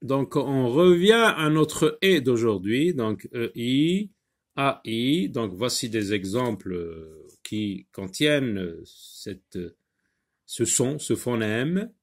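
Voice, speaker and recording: A man teaching a phonics lesson, spelling out letters and sounds slowly, with many filler pauses. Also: mid-range voice, lively intonation.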